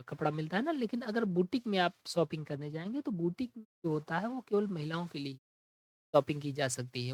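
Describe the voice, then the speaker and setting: A man teaching an English vocabulary lesson, explaining each word in Hindi and reading the English definitions slowly. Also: on the high side, darkish tone, dry recording, low-quality recording. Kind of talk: exam-prep vocabulary lesson.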